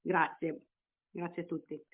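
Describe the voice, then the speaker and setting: A woman's voice: sits low, little pitch movement, a little slow, breathy edge. A woman calling in to a radio show, speaking politely and hesitantly through a tinny phone line. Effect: heard through a call-in phone line.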